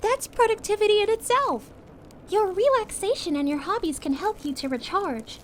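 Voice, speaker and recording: A woman voicing a sweet, caring young princess in a calming roleplay, speaking to a friend in a gentle, reassuring, chatty way. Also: very high-pitched, moderate pace, a little hiss or hum. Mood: soothing, encouraging. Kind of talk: calming ASMR audio roleplay.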